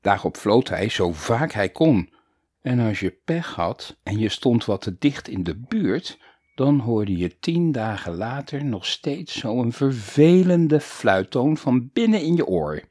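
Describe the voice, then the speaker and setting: A man narrating a children's storybook in a playful, animated way. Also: mid-range voice, takes it slowly, slightly rough, no echo, clean studio sound. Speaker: audiobook narrator.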